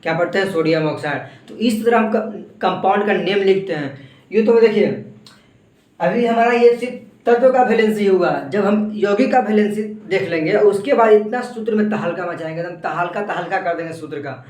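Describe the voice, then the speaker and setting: High-voiced man lecturing in an echoey room. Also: normal speed, darkish tone, far from the mic. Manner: repeats rhetorical questions and answers them himself. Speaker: chemistry teacher. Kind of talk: classroom lecture.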